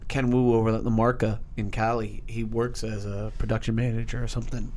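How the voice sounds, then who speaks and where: A man's voice: on the low side, little pitch movement, a little fast, a little mellow, slight background noise. A man with a congested, nasal voice from a stuffy nose, chatting casually as a podcast co-host. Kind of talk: casual chat.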